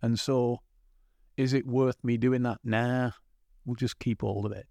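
An Englishman chatting on a podcast, rambling and restarting his sentences as he thinks aloud. His voice sits in an ordinary middle pitch and sounds close and dry, with no room around it. He talks loosely and casually, at an easy pace. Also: steady tone, unhurried, gravelly, a little mellow, no echo. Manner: rambling, stop-start, chatty. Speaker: podcast guest, former co-host. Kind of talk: casual chat.

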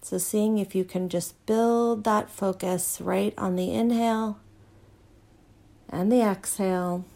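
A woman leading a guided breath-awareness meditation in a slow, soothing, unhurried way. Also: mid-range voice, steady tone, creaky, warm tone. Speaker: mindfulness teacher.

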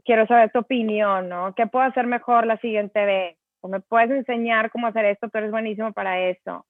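In casual conversation, a woman with a Mexican Spanish accent acts as co-host, chatting and storytelling animatedly with many fillers. Her voice is a little high and brisk. The sound is tinny and phone-like, dry with no echo.

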